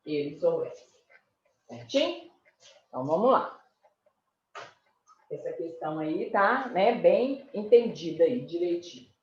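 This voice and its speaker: Slow-speaking teacher, echoey far-off sound. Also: female voice, lowish voice, big pitch swings, a little mellow, slight background noise. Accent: Brazilian Portuguese. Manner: slow, repeating words and stressing syllables. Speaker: primary school teacher. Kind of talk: recorded class lesson. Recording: echoey room, distant mic, dull sound.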